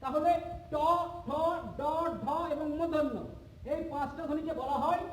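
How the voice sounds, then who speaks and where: Teacher, male, very high voice, patient drilling style, recorded from a distance in a boomy room. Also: steady tone, normal speed, a little mellow, a little hiss or hum. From Bengal. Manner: patient, repeats points and checks understanding. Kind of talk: classroom lesson. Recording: echoey room, far from mic.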